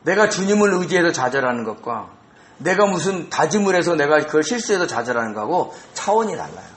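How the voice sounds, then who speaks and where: A male pastor preaching an expository sermon in a church, animated and asking the congregation rhetorical questions. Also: fairly high pitch, fairly quick. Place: church sanctuary. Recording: roomy echo.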